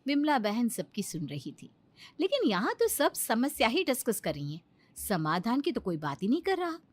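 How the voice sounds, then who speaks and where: Expressive woman narrating a cartoon story. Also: a little high, normal speed, dry recording. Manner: expressive, animated.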